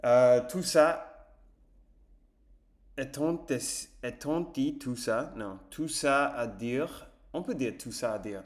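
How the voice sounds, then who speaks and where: This language-learning vlogger is a native English speaker with an English accent, practising his French. He talks casually and hesitantly in a mid-range voice, using many fillers and self-corrections while searching for words.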